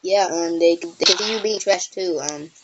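A woman's voice: fairly low pitch, moderate pace, muffled recording, heavy background noise. A woman hosting a casual gameplay recording, teasing and trash-talking her friend as she plays. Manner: playful teasing trash talk. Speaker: gameplay channel host.

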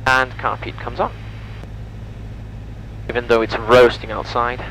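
Here a young man in his twenties, flying a small prop plane solo, goes through checklists, radio calls, and running comments while taxiing and in the air. His voice is medium-pitched and his pace measured. Audio quality is poor: headset boom mic sound with steady light-aircraft engine hum behind it.

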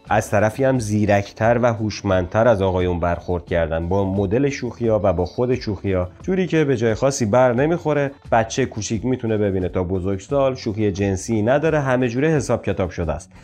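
A man's voice: on the low side, a little mellow. A man giving a casual, opinionated spoken review as the channel's host. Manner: opinionated, chatty critique. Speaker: show reviewer.

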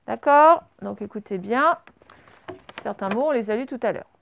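A woman with a slightly high, gravelly, expressive voice teaches a primary school dictation at a normal pace, dividing words into syllables and spelling them letter by letter. The slightly dull lo-fi recording carries a little hiss or hum.

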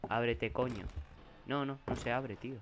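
A man's voice: medium pitch, steady tone, moderate pace. Young spanish guy playing a horror game, scared and swearing, bit of hiss in the background. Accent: Spanish from Spain. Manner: jumpy and scared, swearing, shouting in fright. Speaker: gaming YouTuber. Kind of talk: horror game let's play commentary. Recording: faint background noise.

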